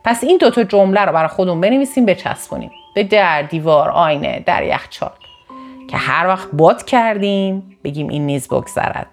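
Animated woman giving a motivational talk. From northern Iran. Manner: animated, with sudden emphatic rises in pitch; repeats and corrects herself mid-sentence. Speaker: motivational speaker. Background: faint background music.

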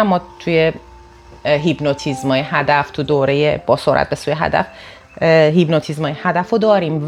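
Woman teaching with shifting, lively tone. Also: lowish voice. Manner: deliberately varies tone and loudness, conversational. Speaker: self-help course teacher. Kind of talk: recorded audio lesson.

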